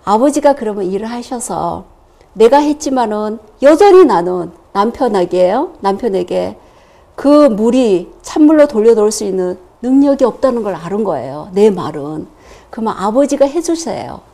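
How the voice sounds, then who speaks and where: A woman giving a personal testimony in church, telling her story in a lively way and acting out the dialogue. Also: mid-range voice, moderate pace, gravelly.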